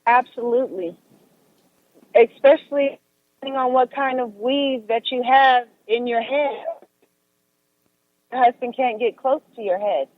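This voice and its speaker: A woman who practises massage talks in a calm, explanatory way as an interview guest, calling in on speakerphone while she drives. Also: fairly high pitch, a little slow, pauses often, dry recording. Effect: speakerphone call from a car. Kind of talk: casual interview chat. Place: driving in a car. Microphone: phone on speaker. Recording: tinny dry phone line.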